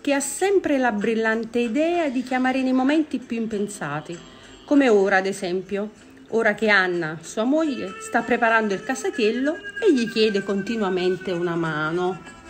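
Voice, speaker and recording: A woman's voice: fairly high pitch, lively intonation, unhurried, soft background music. A woman giving wry scripted narration for a comedy sketch.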